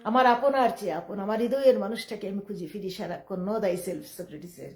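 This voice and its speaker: A middle-aged woman from Bangladesh, speaking in a rambling live-stream monologue. She talks quickly and emphatically, often defiant, with many restarts. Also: medium pitch, a little mellow, faint music behind. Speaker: livestreamer. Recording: echoey room.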